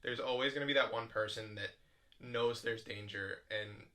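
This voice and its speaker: A young man co-hosting a podcast, chatting casually with relaxed storytelling and quick quips. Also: mid-range voice. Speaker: podcast co-host. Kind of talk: casual chat.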